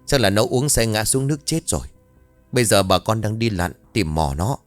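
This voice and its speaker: A man doing a flustered, hurried villager. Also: fairly low pitch, expressive, no room sound, faint music behind, lightly acted. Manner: hurried, breathless telling.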